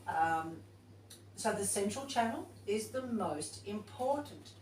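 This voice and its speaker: Slow and darkish in tone, her mid-range voice carries lively intonation while she reads to a yoga teacher training group and thinks aloud along the way. She keeps it chatty and informal, like casual class talk. The distant, echoey room recording has a little hiss or hum.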